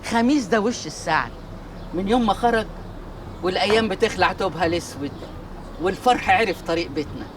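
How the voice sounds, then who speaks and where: An actress playing a proud, defensive older matriarch with an Egyptian accent, speaking firmly and rhetorically. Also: female voice, mid-range voice, lively intonation, quick pace, far from the mic, noisy background, close to an everyday voice. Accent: Egyptian Arabic. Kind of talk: TV drama acting.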